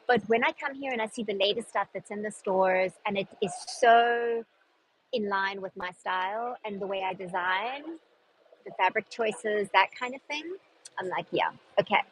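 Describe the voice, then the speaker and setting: A middle-aged woman with a South African accent, a stylist and designer, chats casually and upbeat with viewers on a live shopping stream, laughing often and restarting sentences. Her voice is medium-pitched at a moderate pace. The low-quality recording carries a little hiss or hum.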